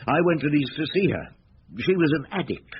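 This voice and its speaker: An actor playing a middle-aged, patient, ruminative police chief inspector in a radio drama. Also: male voice, a little high, very animated, a little fast. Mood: pensive, dry. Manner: ruminative, murmuring hesitations. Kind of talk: radio drama acting, reflective recounting. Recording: muffled radio drama, background hiss.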